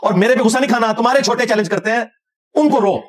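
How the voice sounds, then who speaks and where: A man's voice: extremely high pitch, fast talker. A man giving an argumentative religious lecture as a scholar, talking in an emphatic, challenging way.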